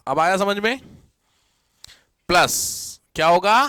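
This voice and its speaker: A man teaching a Hindi grammar class, repeating examples slowly, often asking the students whether they have understood and mixing English words into his Hindi. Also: sits high, bright, forceful tone, clean tone, dry recording. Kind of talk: classroom lecture.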